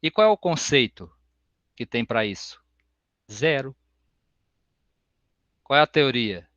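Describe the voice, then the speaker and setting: A man giving an open music class, explaining slowly and breaking into sung solfège syllables. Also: medium pitch, expressive, fairly bright tone, dry recording. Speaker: music teacher. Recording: dull, lo-fi sound.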